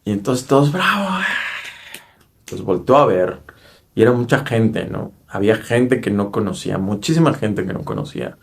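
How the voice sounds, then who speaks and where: A man talks fairly quickly in a lowish, creaky voice, his accent Mexican Spanish. Earnest and personal, his monologue relates a spiritual experience, and tag questions regularly draw his listeners in.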